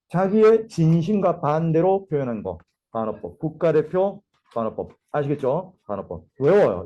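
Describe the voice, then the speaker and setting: Playful poetry teacher, dark husky tone, drills terms. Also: medium pitch, muffled recording. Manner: playful, dramatic, repeats key terms. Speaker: Korean literature teacher. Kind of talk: classroom lecture with comic role-play. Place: academy classroom.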